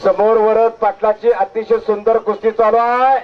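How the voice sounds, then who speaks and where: A man commentating on a wrestling match over a loudspeaker outdoors, commanding the crowd and the referees. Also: sits high, level tone, moderate pace. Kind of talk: live event commentary. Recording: muffled loudspeaker sound outdoors.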